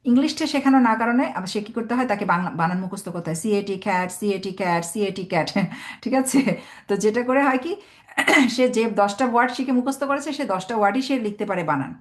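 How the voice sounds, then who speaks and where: A woman teacher hosting an online webinar for parents, explaining patiently step by step and sounding out words slowly. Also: medium pitch.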